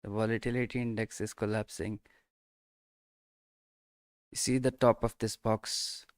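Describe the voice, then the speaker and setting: A man commenting on his trades live in an unhurried, drawn-out way, often trailing off into mutters and short bursts like "boom." His voice is smooth and clear. It sits close and dry, with no room echo. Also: level tone. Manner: mutters and trails off, exclaiming at price moves. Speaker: live stream day trader.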